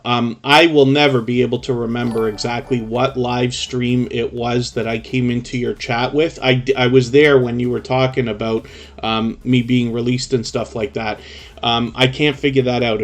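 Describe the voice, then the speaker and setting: A man's voice: mid-range voice, level tone, normal speed. A male live streamer with a mid-range voice, hosting casually and chatting to viewers. He tends to explain things in long, run-on stretches.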